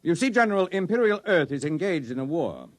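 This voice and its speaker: A cynical, condescending Earth official in an old radio play, smooth and unhurried, with a somewhat high voice. He talks about the colonists with open scorn. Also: sing-song. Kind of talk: 1950s radio drama acting.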